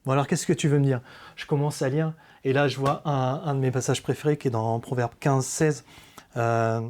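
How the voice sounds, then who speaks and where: Speaking earnestly and haltingly with many hesitations, a man shares a personal faith testimony during a podcast conversation. His voice is medium-pitched, steady, and darkish in tone, and his manner is confessional.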